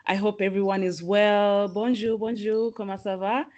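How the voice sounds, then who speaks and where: A woman from Tanzania hosting and moderating an online webinar, speaking in a measured, welcoming way with some fillers. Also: medium pitch, little pitch movement, darkish tone, muffled recording. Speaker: host and moderator.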